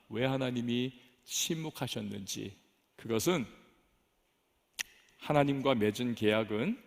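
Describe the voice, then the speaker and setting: A man preaching a sermon as pastor, telling a story with dramatic swings between raised and hushed delivery. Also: medium pitch, gravelly, long reverb tail. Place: church sanctuary.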